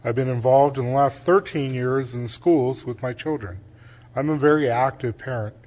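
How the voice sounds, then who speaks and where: A man's voice: mid-range voice, darkish tone. A man giving a closing statement as a school board candidate, earnest and listing his qualifications in short phrases.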